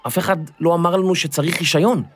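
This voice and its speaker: A man's voice: high-pitched, fairly even intonation, some chatter behind. A man voicing a brave, determined girl who speaks out at a protest in a children's storybook. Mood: careful. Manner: forceful and defiant.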